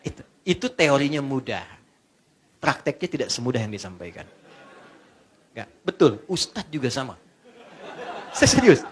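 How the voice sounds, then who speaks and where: A middle-aged man preaching a lively sermon to a live audience, asking them questions and joking along the way. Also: a little high. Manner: animated, asks the audience questions and jokes.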